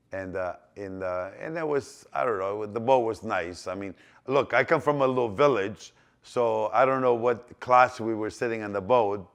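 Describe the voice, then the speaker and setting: A Greek-born man in his sixties speaks English with a Greek accent in a somewhat low voice. He rambles through memories with many fillers, false starts and repeated phrases. He sounds like someone chatting casually rather than reading a script. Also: a bit bright. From Greece. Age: 60s. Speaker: business owner telling his life story. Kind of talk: casual personal storytelling.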